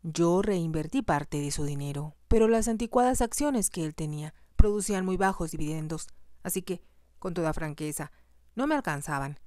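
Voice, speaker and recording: A woman's voice: on the low side, expressive, normal speed, darkish tone, no room sound, clean studio sound, lightly acted. A woman voicing a haughty, hostile stepmother who speaks in a cold, curt and scornful way.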